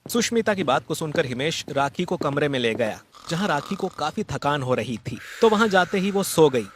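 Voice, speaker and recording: A man narrating a dramatized moral story in a steady, plain storytelling manner. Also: on the high side, normal speed, slight background noise.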